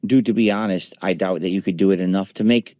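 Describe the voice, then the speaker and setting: A streamer in his forties vents emphatically and swears in a casual voice chat. His low, warm voice is steady and fast, and the voice-chat mic gives lo-fi audio with no room sound.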